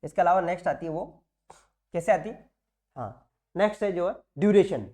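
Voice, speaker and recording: This man's high-pitched voice is mellow and animated, and he talks fairly quickly. He presents nursing exam material in a classroom lecture style, asking himself questions, answering them, and repeating key words.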